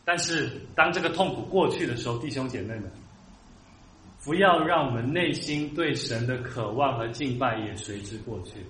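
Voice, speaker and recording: A man's voice: medium pitch, normal speed, fairly bright tone, roomy sound, a little hiss or hum, low-quality recording. A man preaching a sermon as pastor, earnest and rising to emphatic peaks.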